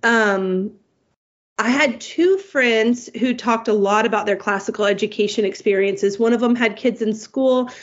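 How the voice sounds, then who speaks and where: A woman's voice: fairly high pitch, a little slow. A woman in her forties, a homeschooling mother, talking casually in an interview, rambling and cutting herself off with easy laughs. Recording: muffled lo-fi audio.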